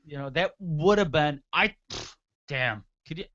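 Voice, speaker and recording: A man co-hosting a casual wrestling talk show, animated and rambling, often laughing. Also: a little high, measured pace, lo-fi sound. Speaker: co-host.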